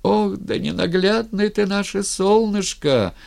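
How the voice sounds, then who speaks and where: A man voicing an old village madwoman who wails drawn-out, sung-out laments in a storybook reading. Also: sits high, gravelly, a little mellow, voice pushed up, heavily acted. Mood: wailing.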